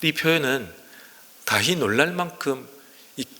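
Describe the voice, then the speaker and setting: A man preaching to his congregation with a bright, forceful voice that swings widely up and down. His delivery is emphatic and full of rhetorical questions, and his voice rings out in a church sanctuary with a long hall reverb. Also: mid-range voice, expressive, a little slow. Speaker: pastor. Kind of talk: sermon.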